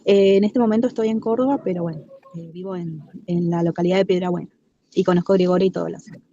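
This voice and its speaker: Woman tourism tech; mellow steady intro; muffled call. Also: lowish voice, quick pace. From Santa Cruz, Argentina. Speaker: tourism technician. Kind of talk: casual self-introduction. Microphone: video call. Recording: muffled video call audio.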